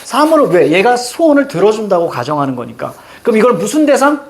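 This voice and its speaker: A male literature teacher giving a lecture to students, animated and joking, with sudden loud outbursts. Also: high-pitched, fast talker.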